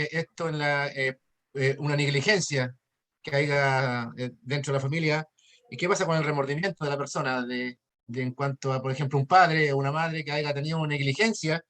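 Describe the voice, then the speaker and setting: A man's voice: on the high side, steady tone, normal speed, a bit bright. Hesitant male student asking a question. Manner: hesitant, full of "eh" fillers.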